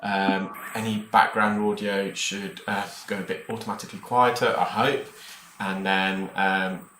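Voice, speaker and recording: Low-voiced man, echoey commentary. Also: flat delivery, a little slow. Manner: hesitant, rambling, addressing viewers as guys. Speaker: ear care clinician narrating own procedure videos. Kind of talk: informal explanatory voice-over commentary. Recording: echoey room, clear background noise. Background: background noise of the procedure.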